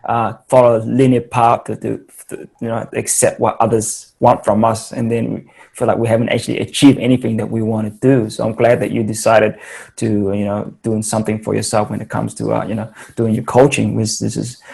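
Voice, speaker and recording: A man's voice: lowish voice, flat delivery, brisk, creaky, a little mellow, husky. A man hosting a podcast, asking questions in a rambling way and repeating words. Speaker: podcast host. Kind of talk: conversational interview.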